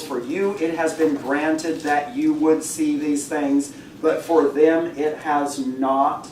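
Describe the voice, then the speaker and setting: Hoarse man teaching a Bible class. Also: on the high side, darkish tone. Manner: conversational, asks the class questions, clears throat often. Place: church classroom. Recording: echoey room, far mic, faint hiss.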